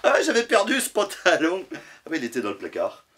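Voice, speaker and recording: Male vlogger, lively pitch swings, slightly high voice, rambling and profane, self-deprecating, music under. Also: a little fast. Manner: rambling, swearing, self-mocking. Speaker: YouTuber. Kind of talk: casual vlog chatter. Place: cluttered apartment, clearing a closet.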